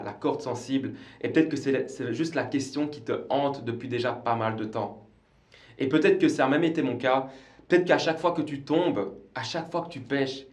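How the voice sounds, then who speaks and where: In a church service streamed live, a man preaches a sermon earnestly, repeating words and making small stumbles as he goes. His mid-range voice has a roomy sound.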